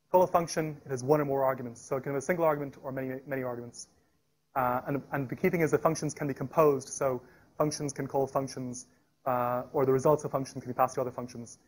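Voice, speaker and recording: A man giving a live technical presentation at a meetup, talking fast with frequent restarts and fillers. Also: medium pitch. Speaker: tech meetup speaker. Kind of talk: live technical talk with demo. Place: meetup room.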